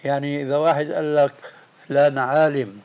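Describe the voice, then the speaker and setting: A man's voice: fairly high pitch, level tone, a little fast. A man, a sheikh questioning his student closely in a lesson, on a dull lo-fi tape. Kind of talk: recorded lesson discussion. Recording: dull lo-fi tape with faint hiss.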